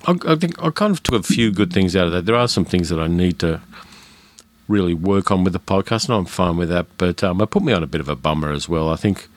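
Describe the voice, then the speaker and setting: Talking fast in a low voice with no echo, this Australian podcast host, educated in accent, runs a casual solo monologue about film. He's candid and conversational, full of fillers and restarts.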